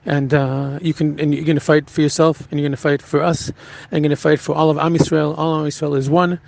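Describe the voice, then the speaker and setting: A rabbi recounting a personal story in an earnest, halting way, with frequent restarts. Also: male voice, fairly high pitch, flat delivery, creaky, a little mellow, rough recording.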